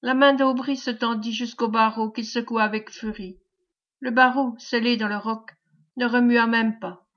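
Woman reading a novel aloud, higher voice. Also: steady tone, a bit bright. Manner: measured, dramatic narration. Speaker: audiobook reader. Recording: dull lo-fi recording.

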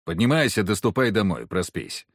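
A man voicing a steady, cautious male companion in an audiobook, calm and matter-of-fact. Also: lowish voice, normal speed, dry recording, studio quality.

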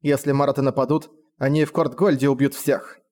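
A man's voice: medium pitch, flat delivery, fast, darkish tone, lightly acted. A man voicing a young village woman in an audiobook, pleading and indignant with a slightly raised voice. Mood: urgent.

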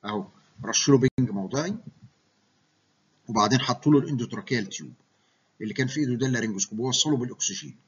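A man's voice: medium pitch, rapid-fire, long pauses, husky, dull audio. A man with an Egyptian Arabic accent giving a medical lecture, mixing English medical terms into his Arabic and often checking that students follow.

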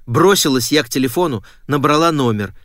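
A man narrating a first-person story as an audiobook, often hushed and lowered. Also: lively intonation, a little fast, no echo, clean studio sound.

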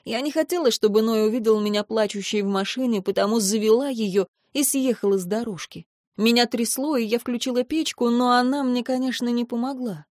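A woman's voice: fairly high pitch, fairly quick, darkish tone, no room sound, clean studio sound. A woman narrating a first-person audiobook with an emotional, intimate reading.

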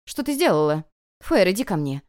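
A woman's voice: on the low side, very animated, a little fast, darkish tone. A woman voicing a stern noble aunt who gives cold, commanding orders.

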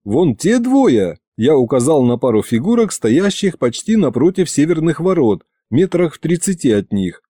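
A man reading a first-person audiobook in a lively, expressive way. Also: a little high, normal speed, few pauses, no room sound, studio quality. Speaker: audiobook narrator.

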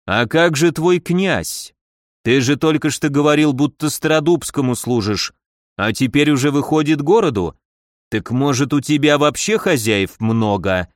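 A man's voice: on the high side, unhurried, no echo, clean studio sound, close to an everyday voice. A man voicing a haughty, powerful prince in an audiobook, drawling with scorn. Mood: menacing.

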